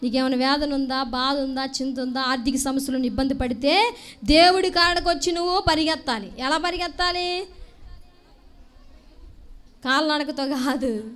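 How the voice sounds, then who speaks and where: Woman preacher, high-pitched, repetitive call-and-response sermon. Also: moderate pace, pauses often, a bit bright. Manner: call-and-response questions, repeating key phrases; acts out quoted speech in a lower voice.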